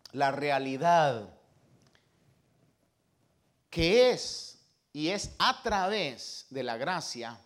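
Male pastor, sermon delivery, high-ish lively voice, dramatic loud-to-hushed swings. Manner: slow, emphatic scripture reading.

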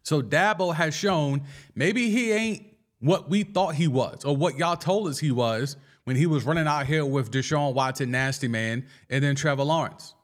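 Animated man riffing on college football. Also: fairly high pitch, moderate pace. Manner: animated, rhetorical questions, slangy. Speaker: podcast host. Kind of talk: casual sports commentary.

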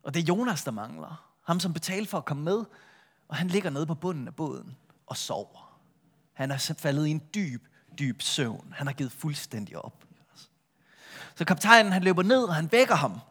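A middle-aged man preaching a sermon, retelling a Bible story with lively shifts between a full voice and a soft hush. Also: on the high side, breathy edge. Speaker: pastor.

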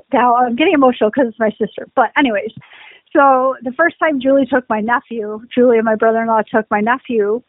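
A woman's voice: fairly high pitch, no echo. A woman co-hosting a casual podcast, telling rambling stories in a chatty, easygoing way. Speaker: podcast co-host. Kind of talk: casual chat. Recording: dry, phone-like lo-fi sound.

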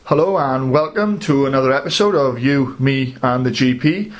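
A man hosting a casual interview show in a friendly, slightly halting way. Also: medium pitch. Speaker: podcast host.

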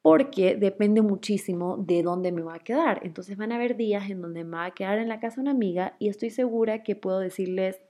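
Her voice sits mid-range with a dark tone, and she talks fairly quickly with few pauses. This young Guayaquil woman hosts a relaxed chat, fielding listener questions amid frequent fillers and laughs.

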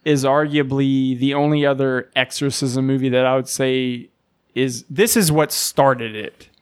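A man's voice: medium pitch, fairly even intonation, a little slow, smooth. Chatty male podcast host. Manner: chatty, leads the topics. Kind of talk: casual chat.

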